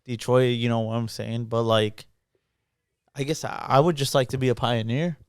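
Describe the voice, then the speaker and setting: A man's voice: medium pitch, fairly even intonation, normal speed, darkish tone, clean tone, dry recording, clean studio sound. A man who is a guest on a podcast, chatting casually in a rambling, slangy way and repeating himself. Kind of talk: casual chat.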